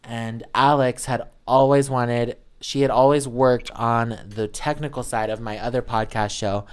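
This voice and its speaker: A woman's voice: a bass voice, steady tone, unhurried, a little mellow, clean tone. A young woman from Montana hosting a podcast in casual, joking, self-deprecating chat. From urban Montana, United States. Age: young adult. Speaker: podcast host.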